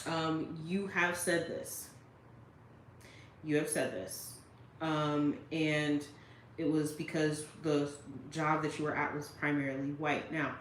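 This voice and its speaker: Low-voiced woman in casual commentary. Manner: conversational, checks in with the listener often. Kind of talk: casual commentary reading quotes aloud. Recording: roomy echo with faint noise.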